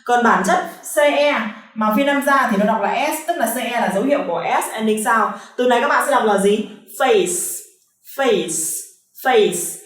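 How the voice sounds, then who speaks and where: A woman teaching English pronunciation, repeating key sounds slowly and checking in with her learners. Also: fairly high pitch. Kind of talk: classroom explanation. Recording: echoey room, voice from a distance.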